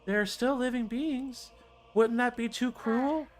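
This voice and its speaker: A gentle old lady scientist from a video game, put on by a man, speaks high and nervously. She is earnest and hesitant as she explains herself. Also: takes it slowly, soft background music. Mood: troubled, pitying. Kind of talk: video game character dialogue read aloud.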